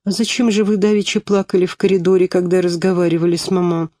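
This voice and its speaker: A man's voice: high voice, little pitch movement, quick pace, a little mellow, no echo, clean studio sound, pitched above the performer's own voice, close to an everyday voice. A man reading the part of a bold, cheeky schoolgirl who blurts out what she saw. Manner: eager, blurting.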